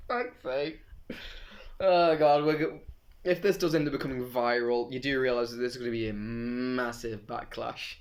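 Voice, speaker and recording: A man's voice: medium pitch, moderate pace. A young man co-hosting a casual comedy chat at home, rambling and jokey with frequent laughter, recorded on a phone camera. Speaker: co-host of a comedy chat channel.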